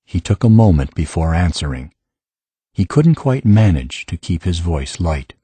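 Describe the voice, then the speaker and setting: A man narrating a fantasy audiobook in a calm, measured way, recorded in a studio. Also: low-pitched, husky, no echo. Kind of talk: scripted narration.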